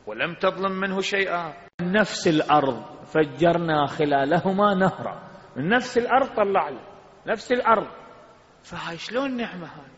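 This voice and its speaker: A man's voice: high-pitched, pushed and bright. A man with an Iraqi Arabic accent preaching a sermon, reciting scripture with rising emphasis. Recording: dull lo-fi sound with long hall reverb.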